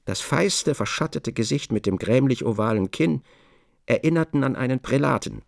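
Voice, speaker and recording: Male narrator for a radio drama, measured reading, gravelly tone, dry close sound. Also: mid-range voice, lively intonation, dry recording. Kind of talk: scripted literary narration.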